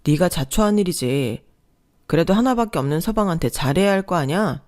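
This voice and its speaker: A sulky, self-pitying husband whines and makes excuses, as a woman reads his lines. The voice stays lowish and plain, hardly changed from the reader's own, in a radio drama. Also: animated, fairly quick, a little mellow, lightly acted. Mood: defensive. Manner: defensive, whiny.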